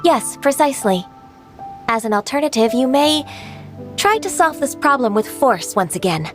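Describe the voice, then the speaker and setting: Composed young game secretary, slightly high, formal, quietly firm. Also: female voice, very animated, normal speed, music in the background. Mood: calm. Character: young half-adeptus woman secretary, calm and polite. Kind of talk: video game voice acting.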